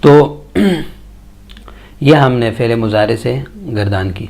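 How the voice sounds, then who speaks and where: A man teaching Arabic verb conjugations in a slow, measured lesson, reciting tables one form after another. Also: mid-range voice, vocal fry, a little mellow. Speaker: Quran and Arabic grammar teacher.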